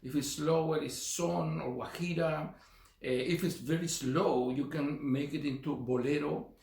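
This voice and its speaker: A middle-aged Chilean man with a Chilean Spanish accent gives a relaxed drum lesson, using many fillers and counting beats aloud. His voice is a little high, steady, a little slow and mellow, with vocal fry, heard in an echoey room with faint noise.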